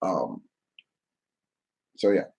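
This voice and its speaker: The audio sounds dull, and the man's tone is darkish as he hosts an informal livestream Q&A. He voices each viewer question, then answers spontaneously in a stop-start way, repeating himself.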